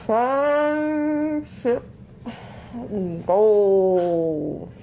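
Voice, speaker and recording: Young woman, high swooping pitch, groggy loopy rambling, sore numb jaw, casual chat, noisy living-room recording. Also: big pitch swings, very slow, dark tone. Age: young adult. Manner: groggy, loopy, rambling after dental sedation; talking with a sore, numb jaw after wisdom teeth removal. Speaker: patient recovering from wisdom teeth removal. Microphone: camera a few feet away.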